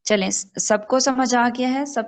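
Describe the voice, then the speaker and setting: A woman teaching an online Quran recitation class, explaining rules patiently and slowly spelling out examples over a video call. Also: sits high.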